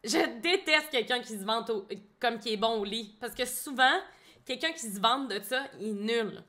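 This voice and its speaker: A young woman with a Québécois accent talks over clips in a casual reaction video. Her voice sits high and bright. She is blunt and excitable, and she swears often. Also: moderate pace. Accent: Québécois French. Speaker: host reacting to show clips.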